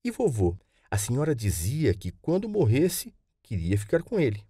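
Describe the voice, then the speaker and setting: A man's voice: medium pitch, wildly swooping pitch, moderate pace, dark tone, slightly rough, no echo, clean studio sound, pitched above the performer's own voice. A man voicing a young boy who asks questions eagerly in an audiobook. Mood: worried. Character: young boy, frightened then trusting. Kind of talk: audiobook character voice.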